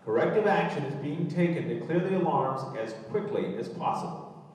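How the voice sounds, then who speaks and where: A man making a calm, measured public address announcement over a building loudspeaker. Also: a little high. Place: conference venue, heard through ceiling speakers. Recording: echoey PA from far off.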